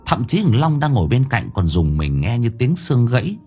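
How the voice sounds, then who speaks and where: A man narrating a horror audiobook in a dramatic, drawn-out storytelling manner. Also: medium pitch, very animated, mellow, breathy edge. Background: faint music.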